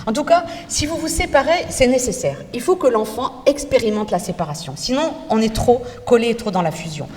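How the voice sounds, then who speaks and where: A woman lecturer teaching future teachers, talking in a lively way and putting direct rhetorical questions to her students. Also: a little high, brisk, few pauses. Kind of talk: university lecture. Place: lecture hall. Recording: echoey lecture hall from far off, faint noise.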